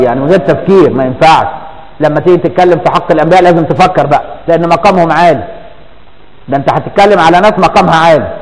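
A man's voice: a little high, darkish tone. A man with an Egyptian accent teaching a religious text in colloquial speech, often asking the listener if he has followed. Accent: Egyptian Arabic. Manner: explaining, with frequent rhetorical checks on the listener. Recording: hall reverb.

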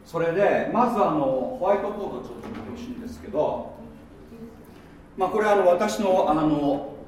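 Man pastor, casual whiteboard sermon, slightly high voice, far from the mic in a boomy room. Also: moderate pace, very echoey, slight background noise. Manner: animated, chatty, many fillers and asides. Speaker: pastor teaching a church gathering. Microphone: no microphone, speaking in natural voice.

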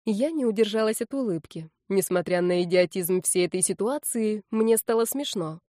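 A woman reading an audiobook in the first person, with a lively, expressive delivery. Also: medium pitch, normal speed, no room sound, clean studio sound. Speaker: audiobook narrator.

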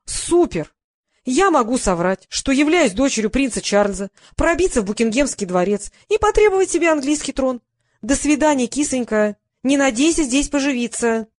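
A woman reading the lines of a sharp, scornful female press secretary in an audiobook. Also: a little high, lively intonation, a little fast, no room sound, clean studio sound, lightly acted. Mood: mocking. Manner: sarcastic and scornful.

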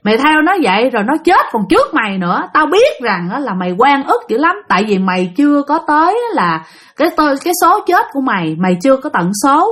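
Woman voicing stern old male exorcist, Southern Vietnamese accent, scolding, loud, high-pitched voice. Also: big pitch swings, fast talker, exaggerated voice. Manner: scolding, insistent, raised voice.

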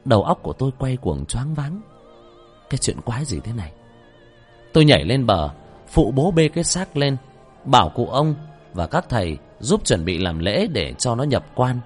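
A male storyteller tells a ghost tale in a lively, swinging voice. He shouts out names when the tension peaks. Soft music plays faintly behind him. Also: medium pitch, normal speed, slightly rough. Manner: shouts out names during tense scenes. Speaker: storyteller and host. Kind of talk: dramatic horror story narration.

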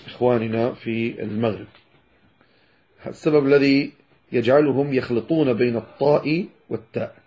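A man from Morocco, teaching Quran pronunciation and slowly demonstrating letter sounds. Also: medium pitch, darkish tone. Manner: addresses listeners as brothers, demonstrates sounds slowly. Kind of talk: tajweed lesson explaining pronunciation. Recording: dull lo-fi lecture recording.

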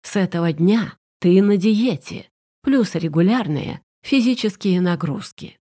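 In an audiobook, a woman gives voice to a commanding young emperor, stern, exasperated, and reproachful. Her fairly low, mellow voice is animated and paced a little slowly.

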